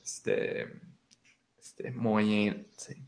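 A man's voice: lowish voice, takes it slowly, gravelly, a little mellow. A man with a Quebec French accent, rambling casually through a video game's story with many fillers. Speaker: gamer recounting a video game. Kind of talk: casual chat.

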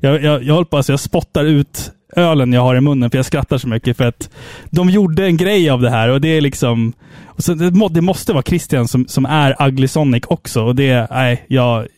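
A man's voice: medium pitch, a little mellow, no room sound, clean studio sound. A man hosting a casual interview, an enthusiastic fan who chuckles as he talks. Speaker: interviewer, host.

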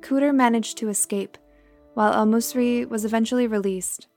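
A woman's voice: on the high side, steady tone, moderate pace, a little mellow. A woman podcast host reading scripted news narration. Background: faint music.

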